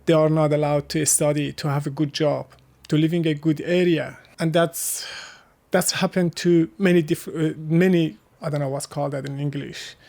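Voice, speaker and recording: Man with halting, gravelly English. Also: fairly high pitch, flat delivery. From Afghanistan. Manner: halting second-language English, restarts, soft laughs. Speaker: interview guest. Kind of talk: casual interview.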